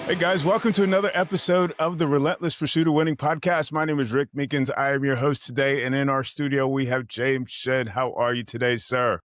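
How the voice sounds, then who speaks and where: A man hosting a podcast interview, upbeat and promotional, asking long, winding questions. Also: fairly high pitch. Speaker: podcast host.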